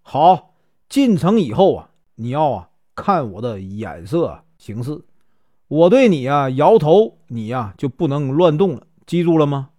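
A male storyteller voicing a shrewd, calm strategist who speaks in a measured, scheming way. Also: a little high, no room sound, clean studio sound. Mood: scolding.

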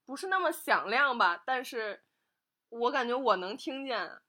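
A woman's voice: on the high side, lively intonation, measured pace, pushed and bright. A woman guest on a podcast, telling a story in casual chat, often repeating herself as she goes. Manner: hesitant, repeats herself while recounting.

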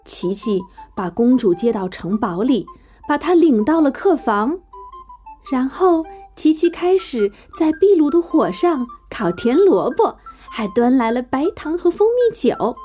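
A woman tells a children's story in a high voice that leaps up and down in pitch. Her tone is soft and mellow rather than bright, and her reading is playful and expressive over gentle background music. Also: measured pace. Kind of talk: children's bedtime story narration.

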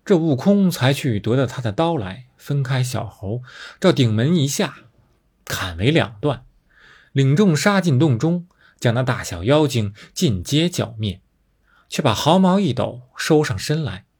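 A man narrating a classic novel with expressive, dramatic storytelling. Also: mid-range voice, unhurried, slightly rough.

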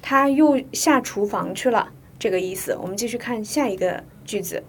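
A woman teacher with a fairly high, breathy voice leads a pronunciation lesson. She speaks clearly and deliberately, repeating each word slowly so learners can follow. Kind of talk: online language lesson.

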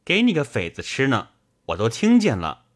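A man's voice: medium pitch, wildly swooping pitch, normal speed. A man reading as a playful young nobleman. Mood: teasing. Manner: teasing, light and bantering. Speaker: audiobook reader. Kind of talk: classical novel reading.

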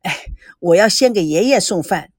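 A woman voicing a gentle, fussing elderly grandmother. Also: lowish voice, expressive, normal speed, no room sound, studio quality, voice pushed down. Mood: doting gentle.

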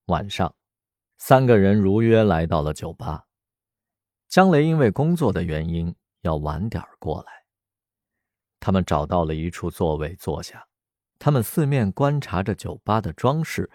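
A man narrating an audiobook in an expressive storytelling manner. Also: low voice, normal speed, no room sound, clean studio sound.

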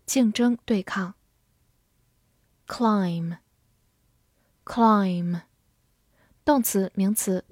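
A woman teacher reading a vocabulary review lesson slowly and deliberately, saying each English word twice and then its meaning, often trailing off softly at the end of a phrase. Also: medium pitch, no room sound, clean studio sound.

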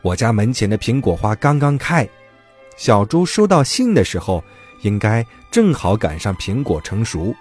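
A man's voice: fairly low pitch, big pitch swings, normal speed, darkish tone, slightly rough, faint music behind. A man voicing a friendly, cheerful bear in a children's bedtime story.

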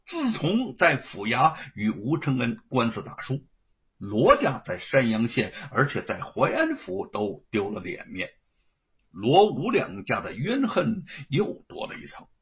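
Husky, animated male storyteller. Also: medium pitch. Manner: animated, acting out scenes. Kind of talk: dramatic storytelling. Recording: dull lo-fi recording.

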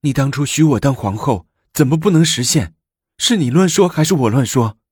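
A man voicing a defiant, sharp-tongued young imperial consort who protests shrilly. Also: big pitch swings, normal speed, husky, no room sound, clean studio sound. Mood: indignant. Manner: shrill, indignant.

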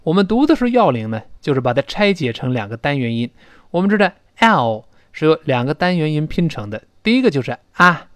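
A man teaching English pronunciation, explaining sounds and slowly drilling words aloud. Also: on the high side, very animated, fairly bright tone, no room sound. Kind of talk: pronunciation lesson.

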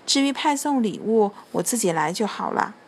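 A woman's voice: medium pitch, animated, moderate pace, a little hiss or hum, close to an everyday voice. A woman voicing Santa Claus as a kindly old man who calls out heartily in a storybook reading. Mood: cautious.

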